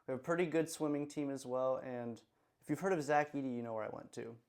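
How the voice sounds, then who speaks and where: Young man, podcast co-host, gravelly fry, monotone, calm, reserved. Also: medium pitch, quick pace. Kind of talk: casual podcast chat.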